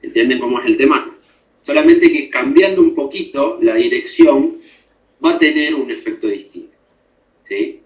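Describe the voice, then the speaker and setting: A man's voice: fairly high pitch, wildly swooping pitch, moderate pace, darkish tone. A man teaching a class, explaining step by step and often checking that students follow. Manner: explanatory, checks understanding with frequent tag questions. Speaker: instructor. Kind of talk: classroom lecture. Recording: echoey room.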